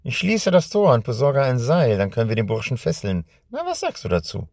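A man's voice: mid-range voice, wildly swooping pitch, brisk, a little mellow, no echo, clean studio sound. A man voicing a suspicious male stable owner who asks probing, clipped questions. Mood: scheming.

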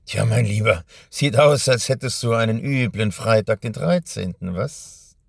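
A scarred old village robber, put on by a storytelling man with a smoky, gravelly growl and a low, husky edge. He talks in a gruff, taunting drawl. The sound is close and dry, as in a storybook reading. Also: measured pace, no echo. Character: menacing older male village robber, scarred.

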